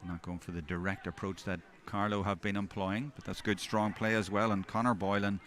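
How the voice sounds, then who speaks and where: A man giving live hurling commentary, describing play in measured running observations. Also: on the low side, flat delivery. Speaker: sports commentator. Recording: outdoor stand, loud crowd noise behind. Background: crowd noise at outdoor match.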